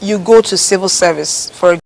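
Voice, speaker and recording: A woman hosting a broadcast call-in show, briskly taking callers and moving the talk along. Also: fairly low pitch, creaky, slight background noise, rough recording. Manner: brisk, takes calls, presses callers to speak up.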